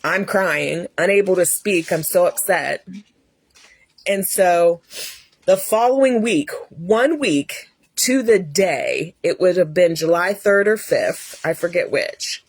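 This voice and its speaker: A woman's voice: fairly low pitch, slow, breathy edge, dry recording. A woman in her fifties sharing a personal faith testimony in an earnest, emotional storytelling way. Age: 50s. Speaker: host.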